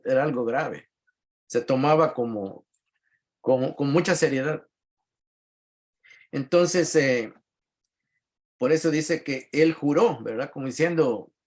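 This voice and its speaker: Man pastor teaching Bible class. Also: on the high side. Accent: Latin American Spanish. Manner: conversational, reads verses then explains, frequent tag questions.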